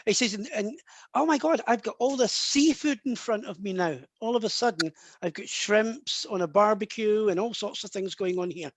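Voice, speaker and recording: This psychic medium speaks at a moderate pace in a high-pitched voice during a live online session, his talk chatty, rambling, and riddled with restarts. No room sound comes through.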